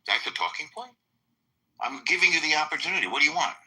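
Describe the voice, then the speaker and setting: A man's voice: a little high, animated, fast, bright, forceful tone, husky, poor audio. A man with a lisp from a missing tooth, tongue sticking out as he talks, arguing combatively in a heated political debate and badgering with repeated questions.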